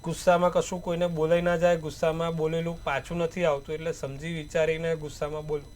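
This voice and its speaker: A man's voice: a little high, level tone, fast talker, a little mellow, slight background noise. A man giving an astrologer's daily horoscope and tarot reading, advising in repetitive, proverb-like phrases.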